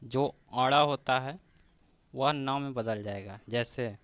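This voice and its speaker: The medium-pitched, somewhat bright voice of a man leading an exam grammar lesson breaks every example down slowly, word by word, with repetition. The recording has no echo.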